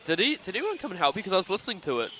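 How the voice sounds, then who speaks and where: A man's voice: sits high, racing, a little hiss or hum. A man with a New Zealand accent doing live courtside basketball commentary, joking and bantering with his co-host. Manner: joking, excitable play-by-play.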